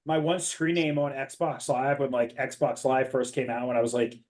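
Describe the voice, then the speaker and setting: A man's voice: medium pitch, moderate pace. A man co-hosting a casual podcast, telling rambling stories with lots of laughing and swearing. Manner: rambling, animated storyteller, swears and laughs a lot. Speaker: podcast co-host.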